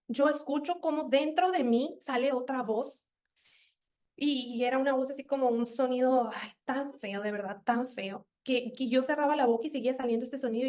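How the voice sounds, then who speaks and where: A young woman giving an earnest, animated personal faith testimony, often quoting her own past words. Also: sits high.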